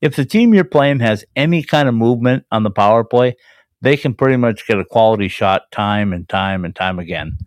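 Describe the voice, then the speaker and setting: A man co-hosting a hockey talk show, chatting in a relaxed way with lots of fillers. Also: on the low side, a little fast, no echo. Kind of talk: casual sports chat.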